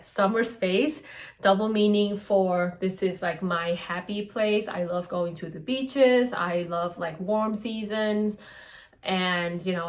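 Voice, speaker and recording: A woman from Thailand in her thirties, chatting loosely through a casual Q&A vlog about her paper flower studio, with fillers and self-amused asides. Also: medium pitch. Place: home studio in a spare bedroom. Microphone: camera facing her.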